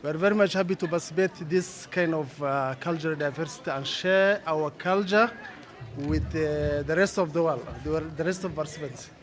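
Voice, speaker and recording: A man, a community representative speaking in a halting, loud way at an outdoor festival. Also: a little high. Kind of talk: festival interview. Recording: outdoor crowd noise behind.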